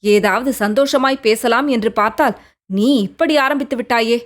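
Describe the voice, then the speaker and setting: A woman voicing a gentle young prince who coaxes and pleads with the woman he loves in an audiobook. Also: on the high side, normal speed, natural voice. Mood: tender. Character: young prince, tender, coaxing, devoted lover. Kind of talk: audiobook character reading.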